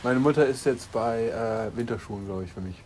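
Relaxed young man, offhand joking. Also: mid-range voice, brisk, a crowd in the background. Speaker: podcast co-host. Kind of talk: casual chat.

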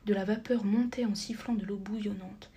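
In a whispered audiobook reading, a woman tells a story at normal speed, soft and half-whispered, with a medium pitch and fairly even intonation. She occasionally corrects small slips.

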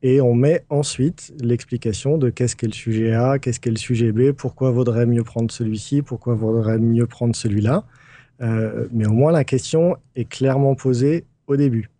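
A man lays out a method step by step in relaxed podcast talk. His voice is deep and dark in timbre. The sound is dry and close. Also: moderate pace, dry recording. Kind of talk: casual explanation.

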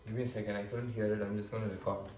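A man's voice: lowish voice, level tone, rapid-fire, darkish tone, a little hiss or hum. A young man with an Indian accent talks casually and swears freely while reading out card stats. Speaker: vlogger. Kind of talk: casual card-opening commentary. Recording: echoey room.

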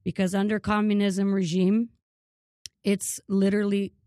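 A woman's voice: medium pitch, little pitch movement, moderate pace, warm tone, dry recording, studio quality. A woman in her thirties, born in Ukraine, telling her family's story as a podcast guest in an earnest way with many fillers and restarts. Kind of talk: casual interview.

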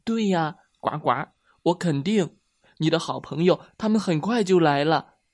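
A man voicing a friendly little frog in a children's story, croaking and mumbling his words. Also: on the high side, measured pace, a little mellow, voice pushed up.

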